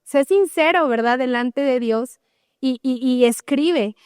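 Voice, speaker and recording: A woman's voice: sits high, slow, a little mellow, smooth, no echo, clean studio sound. A young adult woman pastor with a Mexican accent, preaching a conversational sermon and often checking in with "¿verdad?". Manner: conversational, tags questions with "¿verdad?", acts out everyday dialogues.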